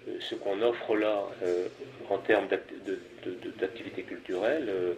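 A man's voice: deep voice, fairly even intonation, moderate pace, crowd noise. A man giving spontaneous comments as an interviewee, hesitant, with many fillers and restarts. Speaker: interviewee speaking about a chapel. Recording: noisy background ambience.

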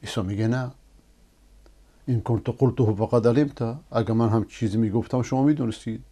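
Emphatic male preacher with a mellow voice. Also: medium pitch, fairly even intonation. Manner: emphatic, rising to forceful denunciation. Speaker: preacher and TV host. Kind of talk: religious TV talk answering viewers.

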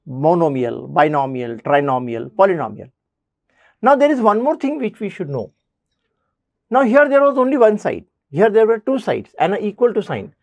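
A male math teacher explains a lesson to his students. He repeats each point and speaks to them directly, with an animated pitch that swings up and down. The recording is dry and close. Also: dry recording.

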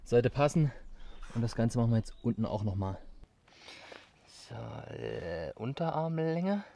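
This survival vlogger, a man in his thirties, has a creaky, dark, mid-range voice with big pitch swings and an unhurried delivery. He chats upbeat to viewers while building in a misty forest, sometimes puffing from the work, recorded by an action camera mic at a distance.

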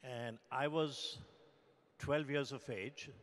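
A man's voice: mid-range voice, fairly even intonation. Man from India telling a story in a hall. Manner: measured, dramatic storytelling. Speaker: physician panelist. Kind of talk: storytelling in a panel talk. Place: large event hall. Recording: long hall reverb.

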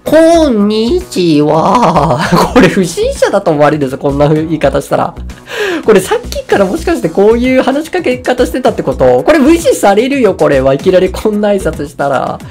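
A woman's voice: medium pitch, huge pitch swings, brisk, warm tone, soft background music. A woman doing let's-play commentary on a game, chatty, laughing often and thinking aloud as she picks choices. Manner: chatty, laughing, talking to herself while choosing. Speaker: game streamer.

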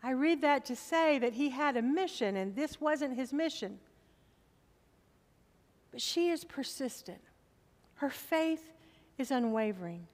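Her voice sits high, expressive and a little mellow, as a middle-aged woman pastor preaches from a church pulpit. She appeals slowly and emphatically to the congregation, and a long reverb tail trails her speech.

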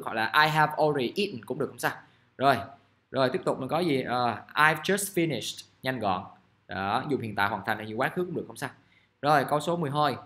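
A man, teaching English grammar in a casual, chatty way and reading example sentences out slowly. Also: medium pitch, a bit bright. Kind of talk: casual classroom explanation. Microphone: recording device at his desk.

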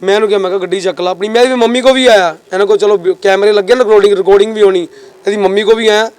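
Agitated fast-talking man. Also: sits high, steady tone, clean tone. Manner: agitated, retells quarrels with quoted speech. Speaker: complainant in a neighbour dispute. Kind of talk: rapid complaint to reporters.

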